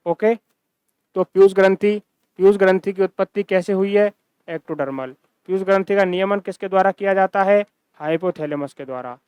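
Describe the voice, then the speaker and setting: A man with a Rajasthani Hindi accent delivers a recorded classroom-style science lecture, repeating key terms and posing questions he then answers himself. His high-pitched voice is clear, resonant, and a bit dark, moving at a normal speed in a dry recording.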